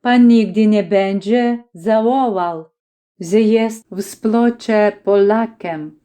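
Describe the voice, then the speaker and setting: A woman voicing a pompous, stately Polish gentleman with a Polish accent, speaking slowly and solemnly. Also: mid-range voice, close to an everyday voice. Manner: slow, solemn, stately delivery.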